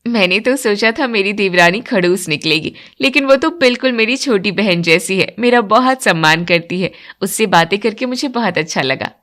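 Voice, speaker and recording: A woman voicing a shy, gentle elder daughter-in-law who speaks softly and cautiously. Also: mid-range voice, expressive, moderate pace, few pauses, natural voice. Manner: soft, cautious.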